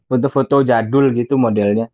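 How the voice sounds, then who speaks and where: A younger man, deferential and quick to laugh, playing along in a comedy skit. His voice sits at a middle pitch. The recording is dry and slightly muffled, with a lo-fi dullness. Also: fairly even intonation, no room sound. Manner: deferential, laughing, says "Pak" often. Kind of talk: improvised comedic banter.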